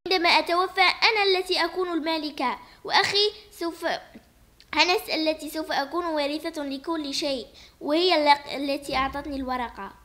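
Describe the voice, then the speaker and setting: A woman's voice: high-pitched, brisk, bright, forceful tone. Woman doing a defiant grieving daughter. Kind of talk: toy doll play voice acting.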